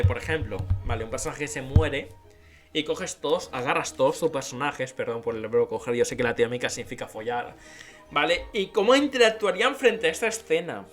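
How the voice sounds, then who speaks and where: This YouTube writing-advice creator talks informally about writing dialogue, regularly tossing in "¿vale?". His voice is a little high and a bit bright.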